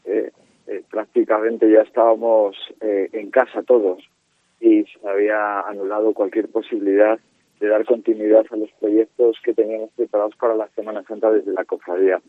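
A man's voice: lowish voice, flat delivery, normal speed, dry recording. Hesitant man on a dry phone line. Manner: hesitant, with frequent "eh" fillers. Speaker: brotherhood leader, interview guest. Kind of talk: radio interview over the phone.

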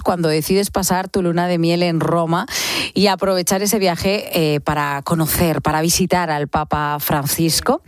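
A woman from hosting a radio interview, asking lively, chatty questions. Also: fairly low pitch, no room sound, studio quality. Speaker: radio host.

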